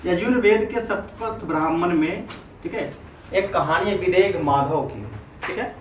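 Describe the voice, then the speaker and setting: A man teaching a history class, repeating key terms and often checking whether his students follow. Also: high-pitched. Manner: keeps checking understanding with quick questions. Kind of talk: classroom lecture. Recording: echoey room, mic at a distance, faint noise.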